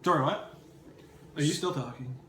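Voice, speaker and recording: A man's voice: fairly high pitch, normal speed, a bit bright. Teasing man with a dry wit. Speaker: podcast co-host. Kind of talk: casual chat. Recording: echoey room with faint background noise.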